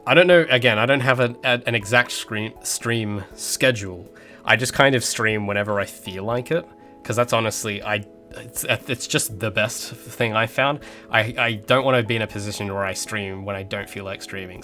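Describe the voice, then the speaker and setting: This indie game developer from Australia talks loosely on his livestream, wandering off with frequent fillers and false starts. His accent is Australian mixed with some American sounds, and his somewhat low voice has a sharp edge.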